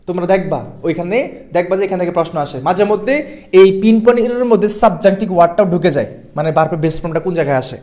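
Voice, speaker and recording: High-voiced male tutor with a light tinge, coaxing, repeats points for exam students. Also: lively intonation, quick pace, dark tone. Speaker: admission test tutor. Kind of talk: online class lecture.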